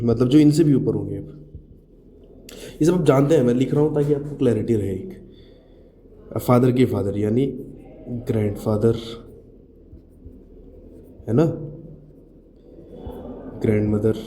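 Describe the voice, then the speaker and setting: Male teacher, sore throat, talks slow and careful, echoey room with clear background noise. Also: mid-range voice, dark tone. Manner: slow, careful explaining with English terms mixed in. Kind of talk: recorded classroom lesson.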